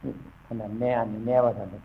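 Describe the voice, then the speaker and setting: A man speaking with an Isan Thai accent, a monk giving a rambling, folksy Dhamma talk to newly ordained monks, often pausing with thinking hums. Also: fairly low pitch, fairly even intonation, slight background noise. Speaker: Buddhist monk teaching new monks. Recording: tinny phone-like recording.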